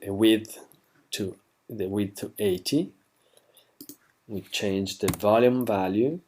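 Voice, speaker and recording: A fairly low-pitched man explains his plugin in an unscripted tutorial recorded as a screencast. He speaks slowly, hesitating and correcting himself, and some of his wording sounds slightly non-native.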